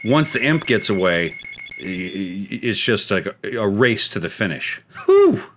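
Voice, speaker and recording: Male host from South Texas, low voice, playful gameplay chatter and storytelling. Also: lively intonation, measured pace, fairly bright tone, slight background noise. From South Texas, United States. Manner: chatty and playful, jumping into high exclaims.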